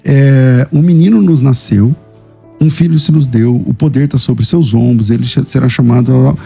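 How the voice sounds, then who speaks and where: Man, husky gravelly voice, insistent debater quoting scripture. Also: medium pitch, moderate pace, warm tone, faint music behind. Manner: insistent, questioning, quotes scripture. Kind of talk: theological debate.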